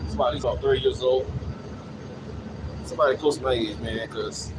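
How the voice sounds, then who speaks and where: A man in his late thirties speaks fast with fairly even intonation at a medium pitch, delivering an unplanned, repetitive monologue full of anecdotes and "you know what I'm saying" check-ins. He's a vlogger recording on a city bus, where engine and air noise come through clearly.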